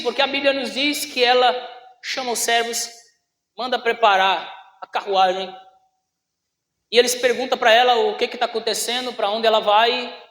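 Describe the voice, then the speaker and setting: A man's voice: sits high, bright, forceful tone. A man preaching a sermon to his congregation in a church hall, often calling out to the brothers and asking them questions. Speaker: pastor. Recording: echoey church hall with long reverb.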